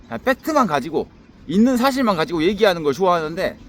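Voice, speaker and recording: A man's voice: high voice, sing-song, fast, a bit bright. A man talking to his viewers in a blunt, profane monologue that keeps circling back and restarting phrases. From Haenam, South Jeolla, Korea. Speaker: YouTuber. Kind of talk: casual monologue to camera.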